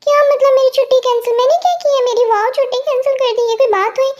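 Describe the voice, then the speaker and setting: A nosy, whiny young male servant in a storybook, voiced by a woman. He fires off questions in a quick, high voice. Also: darkish tone, dull audio. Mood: complaining. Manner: questioning, complaining.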